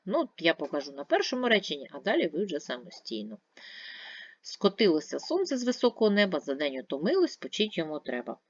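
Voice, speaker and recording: A woman's voice: low-pitched, no room sound, muffled recording. A woman teacher giving a video grammar lesson, patiently asking and answering her own questions step by step. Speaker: primary school teacher.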